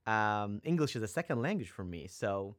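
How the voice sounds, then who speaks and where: A man's voice: fairly low pitch, big pitch swings, moderate pace. A young man from Egypt, a native Arabic speaker with an Egyptian accent, chatting as a podcast guest in a hesitant way with frequent ums and restarts. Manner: hesitant, many ums and restarts, laughs often. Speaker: seminary student guest. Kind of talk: casual interview chat.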